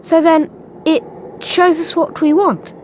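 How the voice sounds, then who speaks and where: Harry Potter, high-pitched young schoolboy. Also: male voice, little pitch movement, slow, darkish tone, a little hiss or hum. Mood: hesitant, wondering. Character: earnest, plucky young schoolboy wizard.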